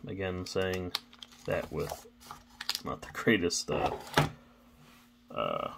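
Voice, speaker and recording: A man's voice: low voice, lively intonation, slow pace, vocal fry, background noise. A man hosting a casual card-opening vlog, rambling and thinking aloud as he talks, with some stammering. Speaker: card-opening channel host.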